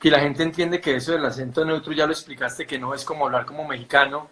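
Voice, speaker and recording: A Colombian man hosts a relaxed interview, chatting and telling little stories. His voice sits a touch higher than usual for a man. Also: fast talker. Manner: conversational, tells anecdotes. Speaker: interview host. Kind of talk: casual interview talk.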